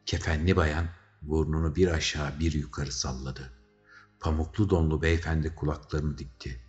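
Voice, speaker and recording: Very deep-voiced male storyteller. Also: fairly even intonation, moderate pace. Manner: dramatic storytelling, shouting characters' cries. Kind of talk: scripted audiobook narration. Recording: slightly dull recording with faint music.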